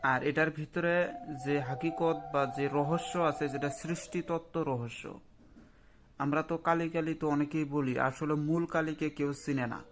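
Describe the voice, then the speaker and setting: A man, a spiritual healer who speaks directly to listeners and recites a long mantra slowly and carefully. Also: a little high, steady tone, background noise. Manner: slow measured chanting of verses; talks directly to viewers, earnest. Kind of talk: religious talk and mantra recitation.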